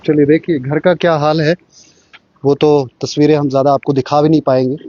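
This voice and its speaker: A male vlogger reporting on the spot and interviewing, halting and leaning on filler phrases. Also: on the high side, level tone, dark tone, dull audio. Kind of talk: on-the-spot news-style vlog reporting.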